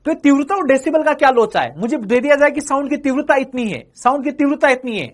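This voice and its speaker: High-voiced male physics teacher, questioning. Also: lively intonation, fast talker. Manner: keeps calling students "beta" and quizzing them with questions he answers himself; repeats each phrase several times. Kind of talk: exam-prep classroom lecture.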